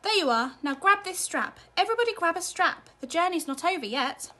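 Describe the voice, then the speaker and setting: A woman voicing an eccentric, gallant factory owner in a storybook, giving brisk, exclamatory orders and reassurances. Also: very high voice, lively intonation, bright, forceful tone, pitched above the performer's own voice, full character voice. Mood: gleeful, gallant. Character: eccentric, gleeful, gallant chocolate factory man, briskly commanding.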